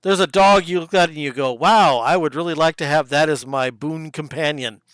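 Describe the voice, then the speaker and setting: Smooth-voiced male game master. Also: fairly high pitch, a little fast, fairly bright tone, dry recording, clean studio sound. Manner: laid-back, laughing, swears casually. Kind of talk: running a tabletop game.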